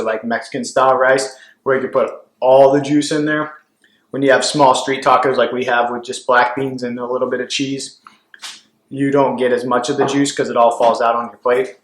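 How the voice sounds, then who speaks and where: A man's voice: mid-range voice, roomy sound, a little hiss or hum, poor audio. A man co-hosting a home food vlog, describing each bite with enthusiasm. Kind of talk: casual food-tasting chat.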